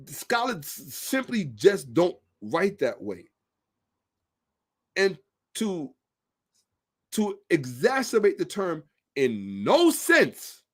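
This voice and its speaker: A man hosting a social commentary monologue, emphatic and repetitive, asking rhetorical questions. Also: fairly high pitch. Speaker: host.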